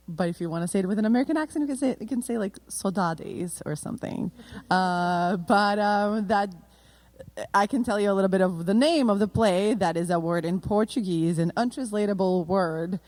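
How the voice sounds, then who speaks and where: A woman with a Brazilian accent, an actress and producer, talking in an interview with many pauses and fillers. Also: mid-range voice, darkish tone. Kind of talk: casual interview talk.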